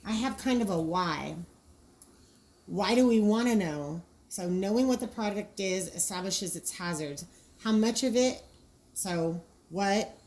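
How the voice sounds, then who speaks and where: Here a woman trainer, her mid-range voice slightly mellow, presents draft cards for training dispatchers. The delivery is relaxed and explanatory, with plenty of practical detail and thinking aloud.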